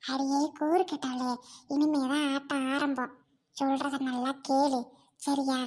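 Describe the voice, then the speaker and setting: A woman's voice: high-pitched, little pitch movement, a little slow, darkish tone. A woman playing a bossy, scheming aunt-in-law who scolds and orders her niece in a family web drama. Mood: scolding. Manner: scolding, commanding.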